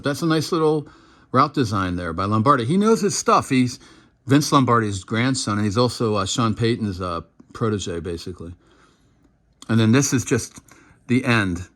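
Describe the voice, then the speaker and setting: A man giving casual, animated commentary while breaking down football game film, now and then acting out what the players shout. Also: lowish voice. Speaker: football analyst.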